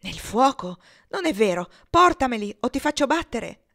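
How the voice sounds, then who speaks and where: A woman's voice: medium pitch, normal speed, lightly acted. A woman reading aloud, voicing a stern, indignant spinster governess who scolds sharply. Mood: scolding.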